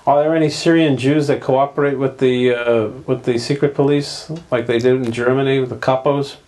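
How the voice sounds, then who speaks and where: A man's voice: medium pitch, steady tone, fairly quick, darkish tone. A man hosting a TV interview show, joking and often cutting into his guests' answers. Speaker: talk show host. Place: TV studio.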